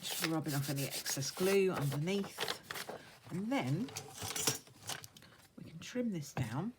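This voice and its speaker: Still hoarse and croaky from being unwell, this woman vlogger speaks in a low, expressive voice while showing craft techniques. Her tutorial chat is casual and unhurried, narrated as her hands work, and the recording is very noisy.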